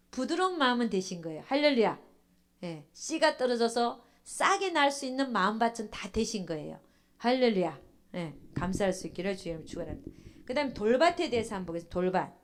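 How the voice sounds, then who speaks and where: A middle-aged woman pastor giving a sermon. She keeps asking the congregation questions and acts out what believers think. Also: fairly high pitch. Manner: animated preaching, asks the congregation questions, acts out church members' thoughts.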